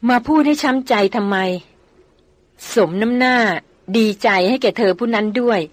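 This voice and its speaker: A woman voicing a spirited, sharp-tongued young noblewoman in a storybook reading. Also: fairly high pitch, moderate pace, no echo, natural voice. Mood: scolding. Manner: pleading then scolding, sharp-tongued.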